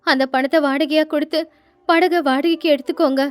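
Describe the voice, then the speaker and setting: A woman voicing a devoted young wife of a poor fisherman in a storybook, speaking in a gentle, pleading way. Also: sits high, steady tone, brisk, natural voice. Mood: comforting. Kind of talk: storybook narration with character voices.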